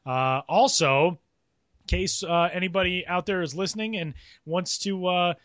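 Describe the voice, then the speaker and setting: A man in his thirties hosting a casual podcast, joking and upbeat in quick banter. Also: high-pitched, a bit bright, no room sound. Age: 30s. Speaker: podcast host.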